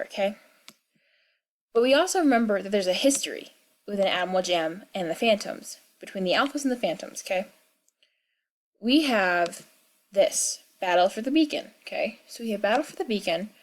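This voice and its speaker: A young woman with a slight cold talks through a game at home in loose, rambling commentary. She is chatty and full of fillers and side remarks, and her voice sits at a middle pitch. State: sick with a cold, clearing throat. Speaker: gaming vlogger. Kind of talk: casual rambling commentary over gameplay. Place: at home in the country.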